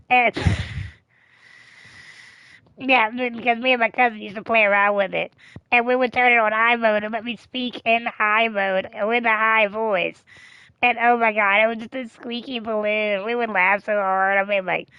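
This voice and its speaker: A woman chats on a live stream, telling a personal story in a candid way and swearing freely. Her voice is smooth and resonant. The sound is dry and a little dull. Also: a little high, dry recording. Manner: chatty and candid, swears freely, laughs often.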